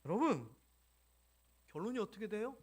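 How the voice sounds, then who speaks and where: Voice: mid-range voice, sing-song, normal speed, slightly rough. A pastor preaching a Sunday sermon in church who acts out biblical dialogue and asks the congregation questions. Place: church sanctuary.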